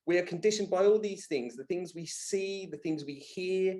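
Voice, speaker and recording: A man in his thirties appears as a guest on a conversational personal-development podcast interview. His voice is high and warm at a moderate pace, and he speaks earnestly and emphatically, often repeating words for emphasis.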